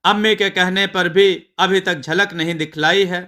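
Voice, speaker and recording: A man's voice: sits high, fairly even intonation, normal speed, pushed and bright. A man voicing a chatty, showy sister-in-law in a storybook tale. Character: cheerful sister-in-law, proud of gifts.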